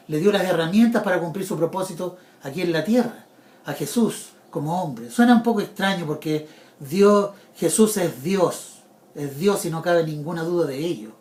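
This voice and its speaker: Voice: medium pitch, darkish tone, roomy sound. A preacher giving an earnest sermon, repeating key points and speaking directly to the listener as a brother.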